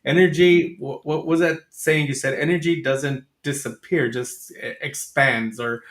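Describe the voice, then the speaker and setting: A man's voice: a little high, fairly even intonation, unhurried, a bit bright. A man hosting an interview, telling a personal story candidly with plenty of fillers and restarts. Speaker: host. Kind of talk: conversational interview. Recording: echoey room.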